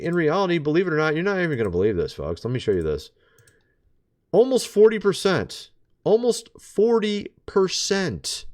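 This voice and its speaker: A man talking straight to his viewers in a casual commentary monologue, sarcastic and chatty, and he keeps calling them folks. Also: medium pitch. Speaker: vlogger.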